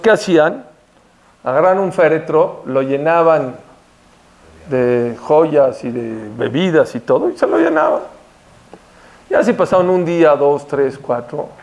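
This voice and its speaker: A man's voice: a little high, darkish tone. A man giving a sermon to his class, telling stories and asking the audience questions. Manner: storytelling, asks the audience questions, sudden bursts. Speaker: rabbi lecturer. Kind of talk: Tisha B'Av sermon.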